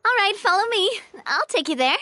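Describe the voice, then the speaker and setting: A woman's voice: very high voice, lively intonation, fairly quick, bright, forceful tone, faint music behind, full character voice. A woman voicing a cheerful, responsible young woman leader who talks in a breezy way and laughs often. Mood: upbeat. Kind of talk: video game voice acting.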